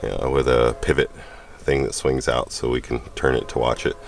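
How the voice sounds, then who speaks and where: With a bass voice, steady tone and some vocal fry, a man speaks at normal speed while giving a handheld camera tour of his homemade trailer. The rambling, chatty vlog begins in a parking lot and continues inside the small trailer, with lots of ums and uhs.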